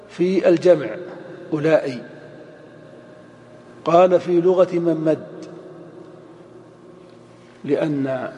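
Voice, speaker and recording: A man teaching grammar in a lecture, speaking slowly and repeating each example phrase. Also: fairly high pitch, dark tone, muffled recording. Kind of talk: lecture explaining Arabic grammar. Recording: echoey lecture hall with faint noise.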